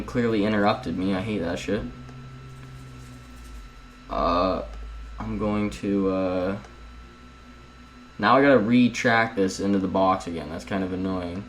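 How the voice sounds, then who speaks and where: Low-voiced young man rambling tutorial. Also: slight background noise, low-quality recording. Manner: rambling, chatty, keeps addressing viewers as guys. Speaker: video editing tutorial host. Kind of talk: casual screen-recorded tutorial. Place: at home.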